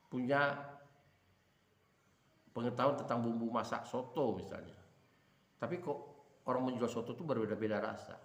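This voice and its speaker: Low, gravelly man teaching in an echoey room. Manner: explanatory, demonstrates intonation on single words. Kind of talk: lecture on voice and acting practice.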